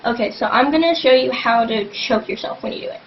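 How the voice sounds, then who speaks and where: Speaking fairly quickly in a fairly high voice, a young woman explains vocal technique in a casual home tutorial, saying "like" constantly as she rambles. She's a vlogger teaching screaming, recorded on dull lo-fi webcam audio with a faint hum.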